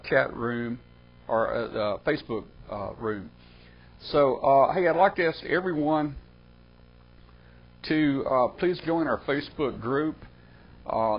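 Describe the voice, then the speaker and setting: Male webcast host, relaxed and unhurried, slightly dull audio with faint hiss. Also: mid-range voice. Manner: easygoing, many fillers and trailing pauses. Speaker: host of ham radio webcast. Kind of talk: live webcast hosting.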